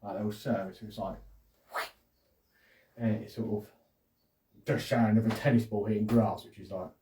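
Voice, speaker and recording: A man's voice: fairly low pitch, fairly even intonation, normal speed, dark tone, roomy sound, recorded from a distance, slight background noise. A man hosting a casual solo podcast, rambling and joking, often laughing and acting out little quotes. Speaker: podcast host.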